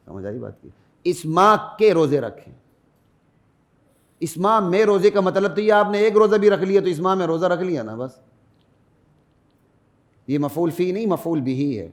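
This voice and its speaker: Speaking as a mufti, a middle-aged man gives the Friday sermon with forceful delivery that climbs to loud high points. Between them come low asides to the worshippers, along with melodically chanted Arabic verses.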